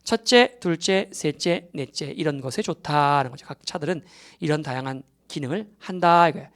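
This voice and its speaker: A man's voice: on the high side, moderate pace, a bit bright. A man giving a recorded exam-prep English lecture. He explains step by step, keeps checking that students follow, and drops English terms into his Korean.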